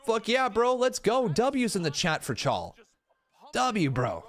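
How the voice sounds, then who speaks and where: Speaking slowly in a high-sitting voice, a Canadian man in his thirties hosts a pro wrestling stream from a room in his rented place. He's animated and chatty with viewers, talking right to them, dropping the odd swear word and making self-deprecating jokes.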